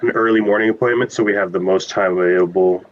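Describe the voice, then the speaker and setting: Low-pitched man, slightly muffled. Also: fairly even intonation, fast talker. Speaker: tabletop game player. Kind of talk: casual planning talk in a game. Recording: slightly muffled online call.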